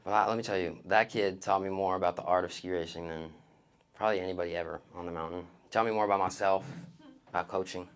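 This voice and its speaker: A man's voice: sits low, fairly even intonation, fast. A young man doing stand-up on stage, telling stories in casual slang and acting out the dialogue. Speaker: stand-up comedian. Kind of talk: stand-up comedy storytelling on stage. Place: on stage before an audience.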